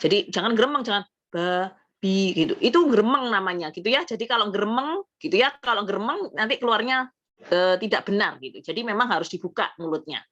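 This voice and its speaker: A woman's voice: medium pitch, animated, a little fast, a bit bright, lo-fi sound. A woman with an Indonesian accent giving a casual lesson on Quran recitation. She explains patiently, often adding "gitu ya", and sounds out letters aloud to demonstrate.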